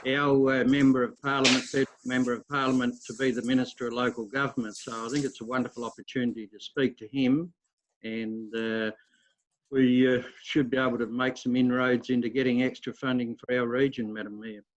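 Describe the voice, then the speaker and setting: A man speaking as a councillor at a meeting, with halting, polite remarks. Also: medium pitch, little pitch movement, a little hiss or hum.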